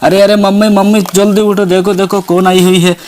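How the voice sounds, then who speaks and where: A man's voice: sits high, level tone, a little fast, a little mellow, slight background noise, natural voice. Man voicing a frightened little girl. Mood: alarmed. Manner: urgent, repeated calls. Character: scared young girl waking her parents.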